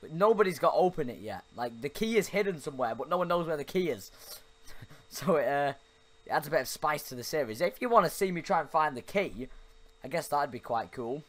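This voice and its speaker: A man's voice: a little high, lively intonation, fairly quick, a bit bright. A young man giving chatty gameplay commentary into a desk microphone, yelping and laughing when things go wrong. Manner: chatty, yelps and laughs at mishaps. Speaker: gaming YouTuber. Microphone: desk microphone spoken into closely.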